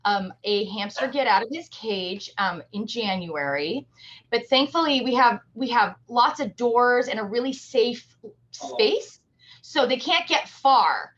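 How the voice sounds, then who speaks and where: Her voice fairly high, expressive and a bit bright, an animal shelter educator takes her time explaining things simply and encouragingly to children. It's a virtual field trip talk delivered over a video call. The computer audio is dull and lo-fi.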